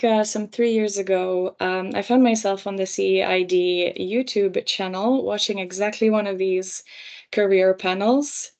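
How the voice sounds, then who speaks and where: A young woman raised in Romania and Finland, giving a measured career panel talk with frequent ums and uhs. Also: mid-range voice, a little mellow.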